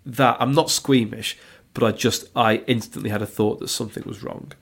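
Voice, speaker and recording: A man in his thirties talking through a podcast chat, rambling and candid with lots of ums. His mid-pitched voice carries a gravelly, creaky edge. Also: steady tone, normal speed. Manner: candid, rambling with many fillers. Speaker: podcast co-host, father of two.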